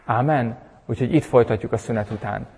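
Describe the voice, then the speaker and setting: A man preaching in a church hall, his husky voice ringing with a long reverb. He delivers the sermon with emphatic, animated bursts and ends in prayer. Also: mid-range voice. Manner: animated, emphatic preaching with sudden loud peaks.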